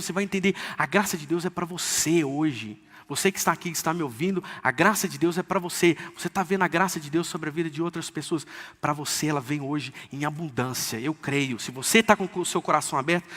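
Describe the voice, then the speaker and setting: A man preaching a sermon in Brazilian Portuguese, fervent, acting out quoted lines with sudden loud bursts. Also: a little high, a little fast. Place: church hall. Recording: long church-hall reverb.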